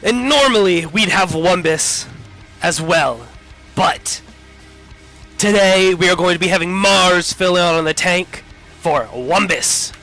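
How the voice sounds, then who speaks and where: A man calls a college esports final as the lead caster, hyping up each player on the lineup. He is a little under the weather. His voice is bright and a touch high, with faint music running underneath. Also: slow. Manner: upbeat, hypes the players. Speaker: play-by-play caster. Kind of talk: esports commentary.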